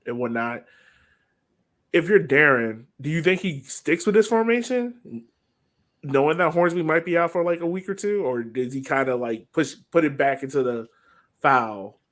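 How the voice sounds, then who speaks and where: With a mid-range voice that's a touch bright, a man shoots the breeze about soccer as co-host of a podcast. The conversation is easygoing and informal.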